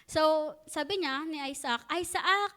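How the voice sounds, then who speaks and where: A woman's voice: high voice, moderate pace, sharp tone. A woman teaching at church, retelling a Bible story in a chatty way with joking asides.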